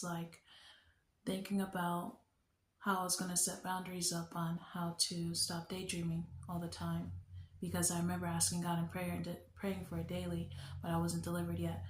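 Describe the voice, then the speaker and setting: A young woman sharing a personal faith testimony on her vlog, speaking in an earnest, unhurried, reflective way. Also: lowish voice, completely flat delivery. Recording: echoey room.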